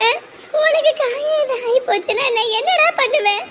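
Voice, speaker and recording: A fretful village mother in a cartoon, shrill and sky-high, who frets over money and then turns fierce. She laments and scolds in broad rural speech. A faint hiss sits under her voice. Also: normal speed. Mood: pleading.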